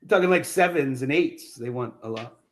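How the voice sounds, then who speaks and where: A man in casual round-table chat, animated, often repeating words as he restarts his sentences. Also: medium pitch, fairly quick, slight background noise.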